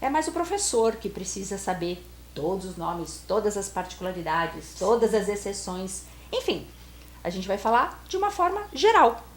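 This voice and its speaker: Lively woman teaching English. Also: mid-range voice, moderate pace. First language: Portuguese. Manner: lively, encouraging, quizzing her partner. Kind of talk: casual bilingual lesson chat. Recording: echoey room, faint noise.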